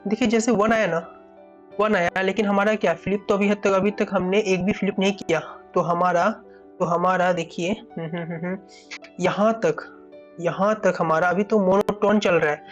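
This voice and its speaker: A man's voice: sits high, steady tone, moderate pace, dull audio, soft background music. A man teaching a coding problem step by step, thinking aloud, often repeating "ठीक है" and restarting phrases. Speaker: coding tutor.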